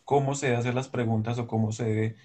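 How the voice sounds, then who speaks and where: A man's voice: medium pitch, steady tone, quick pace, mellow. Brief: male student on a video call, hesitant, rephrases as he asks.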